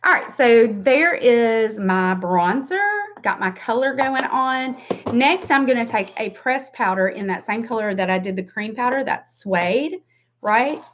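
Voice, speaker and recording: A woman's voice: on the high side, unhurried. A woman in her forties with a Southern US drawl, chatting casually and rambling through a livestream makeup tutorial with self-deprecating asides. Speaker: beauty livestream host and makeup seller. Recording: dull lo-fi webcam stream.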